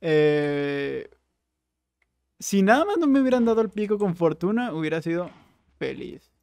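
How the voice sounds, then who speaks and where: A young man giving casual, jokey Minecraft let's play commentary, with bursts of excited exclaiming. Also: sits high, a little slow, creaky, no echo. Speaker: gaming YouTuber.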